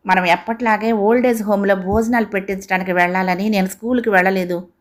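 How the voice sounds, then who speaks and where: A woman's voice: mid-range voice, steady tone, fast talker, close to an everyday voice. A woman voicing a young schoolgirl who misses her late mother, speaking in a plaintive, tearful way in a storybook reading. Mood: pleading.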